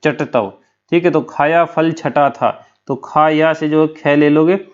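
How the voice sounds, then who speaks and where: A man's voice: fairly high pitch, measured pace, clean tone, highs cut off. A man teaching a lesson for an exam, explaining step by step with a memory story and often checking in with his listeners.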